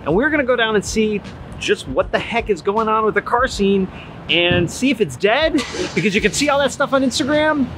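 A man's voice: high voice, animated, brisk, noisy background. A man vlogging casually outdoors at a gas station and a car show, upbeat and chatty with jokey asides. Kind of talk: casual vlog chat.

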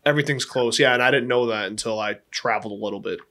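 Young man, Boston accent, relaxed podcast host, casual swearing, mid pitch, dry close mic. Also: quick pace, no echo. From Boston area. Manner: laid-back, swears casually, says "bro". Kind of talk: casual chat, reading fan questions.

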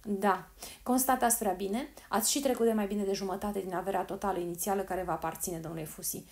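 A woman's voice: medium pitch, steady tone, darkish tone, natural voice. A woman reading the lines of a cold, persuasive male agent who sells time savings, calculating and coaxing in an audiobook. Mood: stern.

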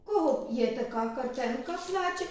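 Female storyteller with a high, sing-song voice, coaxing a small child through a puppet play; heavy room echo. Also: lively intonation, moderate pace, darkish tone, far from the mic. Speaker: kindergarten teacher. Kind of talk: tabletop puppet theater for a child. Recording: very echoey room.

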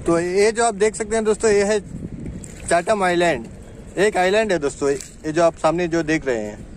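A man's voice: high-pitched, moderate pace. A man in his thirties narrating a casual fishing vlog from a small rowboat, chatting to his viewers and filming on a handheld phone. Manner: chatty, addresses viewers as friends. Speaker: fishing vlogger. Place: small wooden rowboat on open water outdoors. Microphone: handheld phone camera. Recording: loud boat and water noise.

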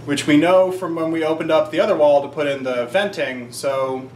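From Georgia in the United States, a man in his thirties chats casually to camera in a shop workroom under renovation, drifting into wry jokes about himself. His voice is fairly high and evenly pitched at a moderate pace. The camera mic is about arm's length away, and the rough recording carries faint background noise.

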